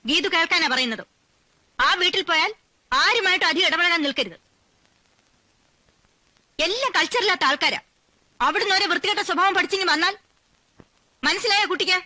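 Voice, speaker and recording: A woman's voice: very high-pitched, animated, normal speed, pauses often, pushed and bright, no room sound, exaggerated voice. An actress playing a haughty, snobbish mother who talks in a prim, condescending way and drops English phrases. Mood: lecturing. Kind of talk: film comedy dialogue.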